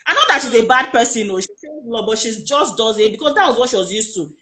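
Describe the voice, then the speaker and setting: Appearing as an interview guest, a woman with a Nigerian accent tells her own story quickly and with lively emphasis, acting out the voices of the people she quotes. Her voice is fairly high and the sound is reverberant.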